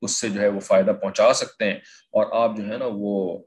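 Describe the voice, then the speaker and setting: A man's voice: on the low side, flat delivery, darkish tone. A man teaching the meaning of Quranic verses word by word, often asking if his listeners follow and mixing in English words. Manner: repeats "theek hai" to check understanding, mixes in English words.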